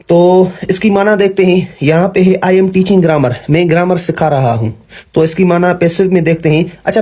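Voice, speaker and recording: A young man teaching English grammar in a patient classroom style, often pausing with fillers and correcting himself. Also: on the high side, warm tone. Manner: patient, repeats "ठीक है", frequent fillers and self-corrections.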